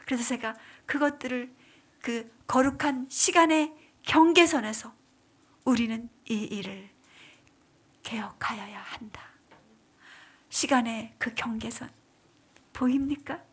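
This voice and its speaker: A woman's voice: on the high side, husky. A woman deaconess giving an emotional church testimony, dropping to whispers and rising into pleading cries. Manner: dramatic, drops to whispers then rises into pleading cries.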